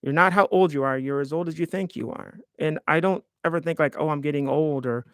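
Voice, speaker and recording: A man's voice: on the high side, brisk, no room sound, clean studio sound. Rambling, chatty man in his fifties. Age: 50s. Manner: rambling, self-deprecating, reads viewer comments aloud. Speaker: live stream host. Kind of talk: casual live-stream chat.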